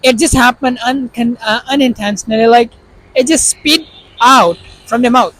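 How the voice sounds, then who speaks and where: Earnest and casual, this vlogger from Pakistan, an Urdu speaker with a Pakistani accent, explains his advice straight to the viewer. His voice is very high-pitched and somewhat bright, at a moderate pace. The recording is rough, with a little hiss or hum.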